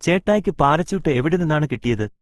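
A man's voice: a little high, animated, fast, no echo, lightly acted. A curious, chatty young woman, as a male narrator puts her on. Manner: persistent questioning.

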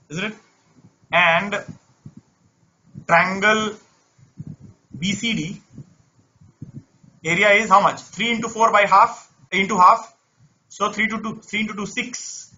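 A man's voice: high-pitched, sharp tone, muffled recording, slight background noise. A man from India teaches an interactive online maths lesson conversationally, often repeating words and phrases. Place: online class over screen share.

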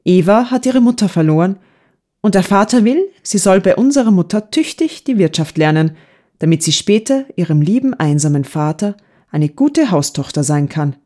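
A woman's voice: mid-range voice, animated, moderate pace, mellow, close to an everyday voice. Woman reading a genial family father. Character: kindly middle-aged father of a family.

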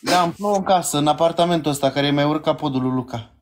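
A man's voice: fairly high pitch, a little hiss or hum. A man on a live stream, playfully boasting and trading jabs with the host. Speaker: livestream co-host. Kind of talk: casual livestream banter.

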